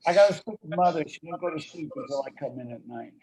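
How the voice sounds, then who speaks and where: An actor playing a reluctant, grumbling bachelor at a poker game in a stage play. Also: male voice, on the high side, fast talker, mellow, lightly acted. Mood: glum, worried. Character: reluctant, anxious bachelor poker player devoted to mother. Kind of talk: stage play acting over a remote reading. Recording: muffled, faintly noisy home recording.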